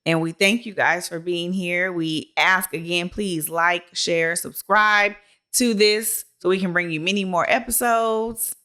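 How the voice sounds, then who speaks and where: A woman's voice: fairly low pitch, steady tone, sharp tone, smooth. A woman co-hosting a podcast in a casual, heartfelt chat, speaking emphatically in rhythmic lists. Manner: emphatic, builds rhythmic lists, quick affirmations. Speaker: podcast co-host.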